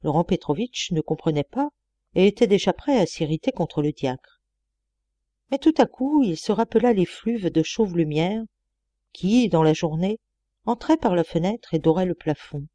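A woman narrates a literary audiobook with measured, expressive reading. Her voice is mellow and warm, recorded dry and close. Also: on the low side, no echo. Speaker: audiobook reader.

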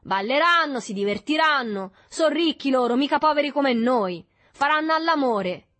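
A woman's voice: high-pitched, animated, moderate pace, fairly bright tone, voice pushed up. A woman voicing an ironic, sneering poor teenage boy mocking rich people, in a storybook reading.

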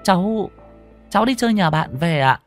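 A man's voice: sits high, animated, normal speed, faint music behind, pitched above the performer's own voice. A man doing a shy, polite young woman.

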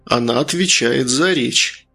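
A man's voice: medium pitch, measured pace, gravelly, pushed and bright, breathy edge, heavily acted. A man voicing a playful young man who teases and drawls about his hobby. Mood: teasing. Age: young adult.

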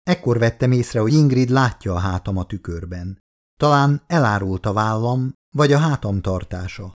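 A man narrating a literary novel in the first person, in a measured, subdued, introspective way. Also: lowish voice, lively intonation. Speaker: audiobook narrator.

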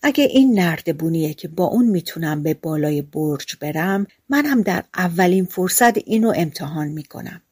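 A charming, kind young prince from a storybook, as a woman reader voices him, speaking warmly and gently. Her voice stays low-pitched, dry and close. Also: lively intonation, few pauses, breathy edge, no echo. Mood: hopeful. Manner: gentle, warm speech.

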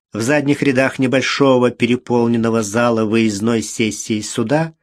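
In a mid-range voice, a man narrates an audiobook from a script, telling the story in a measured, even manner.

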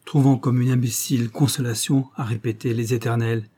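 A man reading a classic novel aloud in a measured, literary way. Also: mid-range voice, level tone, mellow, slightly rough. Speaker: audiobook narrator.

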